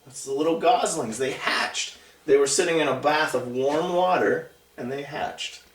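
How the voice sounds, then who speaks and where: Reading a picture book aloud to little kids, this storyteller speaks at a normal speed in a fairly high male voice. He keeps things chatty, pausing for asides and questions to the children, and the distant microphone picks up a roomy echo.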